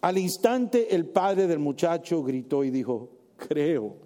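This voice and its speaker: A male preacher giving a sermon with animated storytelling, dropping English exclamations into his retelling. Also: on the high side, unhurried. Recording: reverberant hall.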